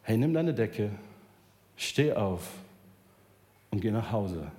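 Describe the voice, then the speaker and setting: Animated preacher man, lively storytelling. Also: lowish voice, slow. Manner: animated storytelling, acting out quoted voices. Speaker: pastor. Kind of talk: sermon.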